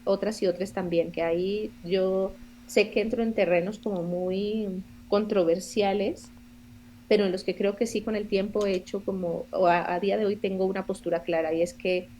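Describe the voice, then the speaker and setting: A woman in her forties from Colombia talks as a podcast guest in a thoughtful, earnest way. Her voice sits in a middle pitch. She often pauses and searches for the right words, with a faint noise behind her. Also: warm tone. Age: 40s. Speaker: guest, theatre director and playwright. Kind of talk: podcast interview conversation.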